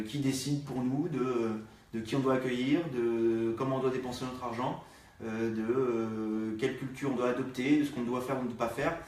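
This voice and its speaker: A man, a party activist, speaking in a live political discussion, halting with many fillers. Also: mid-range voice. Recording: distant echoey room sound.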